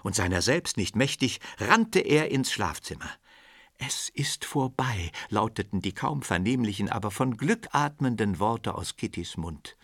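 A man narrating a radio drama with a fairly low voice, recorded dry and close. His storytelling is measured and expressive. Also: no room sound. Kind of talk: scripted literary narration.

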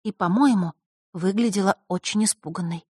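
A woman voicing a cheerful, chatty young fairy girl in a high, bright voice in an audiobook. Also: normal speed, slightly rough, dry recording, clean studio sound, natural voice. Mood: confiding. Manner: eager, bubbly, pushy. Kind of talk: audiobook character voice.

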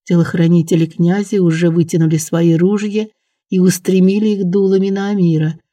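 An audiobook narrator reading a historical drama in a steady, dramatic way. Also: mid-range voice, brisk, no echo. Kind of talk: scripted narration.

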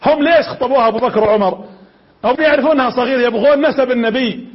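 A man preaching in a Gulf Arabic accent, his voice pitched unusually high and his words tumbling out quickly. He tells the story with energy and keeps quizzing his listeners. The recording sounds dull and lo-fi. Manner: lively storytelling that quizzes the audience. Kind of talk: religious lecture.

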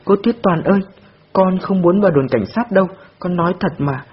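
A man's voice: high voice, a little fast, breathy edge, pitched above the performer's own voice. A man voicing a stubborn little girl who lies and cries, her voice strained and pleading. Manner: crying, pleading. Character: stubborn lying little girl, tearful and sly. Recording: dull lo-fi recording.

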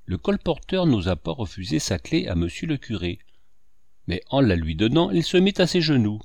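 A man narrating a classic children's story in an expressive, scripted reading. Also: mid-range voice, normal speed, vocal fry, no room sound, studio quality. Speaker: audiobook narrator.

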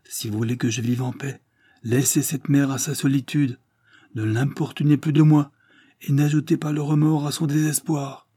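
A fervent young nobleman bound by duty, read by a male narrator, declaiming with raised, impassioned intensity. The voice stays dark and husky underneath. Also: medium pitch, little pitch movement, brisk, few pauses.

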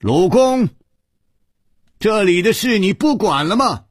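A man voicing a blunt, irritable man who scolds loudly in a martial arts story. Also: fairly low pitch, sing-song, slow pace, breathy edge, dry recording, clean studio sound, exaggerated voice. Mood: scolding. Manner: loud, scolding.

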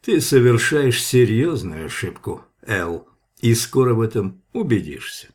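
A man's voice: medium pitch, sing-song, unhurried, a little mellow, slightly rough. A man reading the lines of a domineering male crewman who speaks in a stern, mocking way. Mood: warning.

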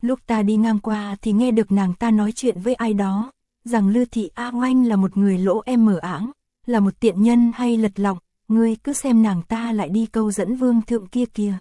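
A woman's voice: a little high, steady tone, warm tone, dry recording, studio quality, lightly acted. A woman voicing a flustered, sheepish young woman who explains herself in a hurry, in an audiobook. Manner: embarrassed, hurried explaining.

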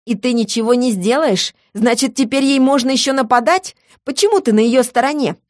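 A shrill, jealous young woman in an audiobook, as a woman reader puts her on, with her pitch pushed high and her voice swinging wildly as she accuses and whines. The delivery is dry and close, with no room sound. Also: expressive, fairly quick, dry recording, close to an everyday voice. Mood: hysterical.

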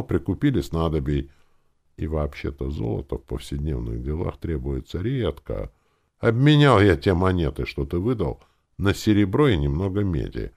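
A man's voice: extremely low pitch, darkish tone, pitched above the performer's own voice, exaggerated voice. A man voicing a grumpy, foul-mouthed male elf druid who grumbles and bursts out in irritation, in an audiobook. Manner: gruff, swearing, exasperated outbursts. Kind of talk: audiobook character voice.

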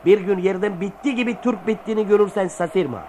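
Man playing a high-voiced, grumbling cynical soldier. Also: fast talker, mellow, a little hiss or hum, natural voice. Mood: gossipy, awed. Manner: colloquial, grumbling. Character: grumbling, cynical Byzantine soldier who admires the enemy. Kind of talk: radio play acting.

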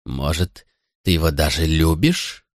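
A man's voice: very deep voice, measured pace, dry recording, studio quality, voice pushed down. A man reading an audiobook voices a cold, domineering father who questions his son bitterly and sternly. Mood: cold, cutting. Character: cold, domineering middle-aged father, a consul. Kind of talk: audiobook character voice.

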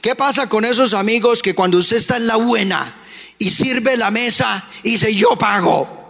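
A pastor preaches in a fervent sermon style, rising into shouts and half-sung phrases. His voice sits high and carries a gravelly rasp. The live church recording rings with long reverb. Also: normal speed. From Colombia. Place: church hall.

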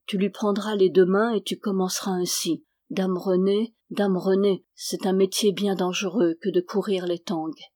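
A woman reading aloud, voicing a young fisherman who speaks softly and serenely. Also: medium pitch, steady tone, moderate pace, few pauses, natural voice. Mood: gentle. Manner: soft, serene, timid. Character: young fisherman, calm and gentle facing death.

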